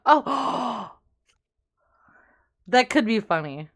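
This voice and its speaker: Slow-talking bright-voiced woman streamer. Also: a little high, lively intonation, slightly rough. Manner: crude, joking, mock-serious. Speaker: livestream host. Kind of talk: casual chat on a livestream.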